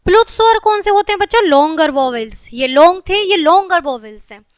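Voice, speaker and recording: A woman teaching a grammar lesson to children, explaining step by step, slowly stretching each sound she names and often saying "okay". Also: very high voice, lively intonation, no room sound, studio quality.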